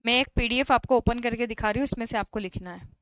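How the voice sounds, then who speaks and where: Teaching online, a woman speaks in a bright, high, smooth voice with clarity. She explains things in Hindi, reads the English questions aloud at a slow pace, and addresses chat questions to students by name, all captured in a dry, close recording.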